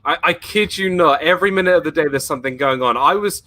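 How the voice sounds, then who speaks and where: Upbeat male guest, chatty and rambling, crisp bright tone, close dry sound. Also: a little high, no echo. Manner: enthusiastic, rambling, quick to laugh. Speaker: guest, YouTuber and former theme park worker. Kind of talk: casual livestream interview.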